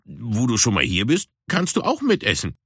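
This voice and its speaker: A man's voice: mid-range voice, wildly swooping pitch, moderate pace, fairly bright tone, husky, dry recording, studio quality, exaggerated voice. A man voicing a blunt, curt young female street cat in a storybook reading. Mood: friendly.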